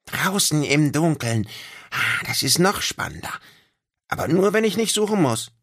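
A man voicing a small, timid male island creature who chatters fearfully when excited, in an audiobook. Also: a little high, moderate pace, pitched above the performer's own voice. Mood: playful. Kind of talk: audiobook character voice.

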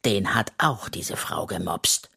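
A reader voicing an excitable, boastful little male raccoon in a children's audiobook, with a hissing, conspiratorial manner. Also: mid-range voice, normal speed. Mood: whispering. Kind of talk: children's audiobook role reading.

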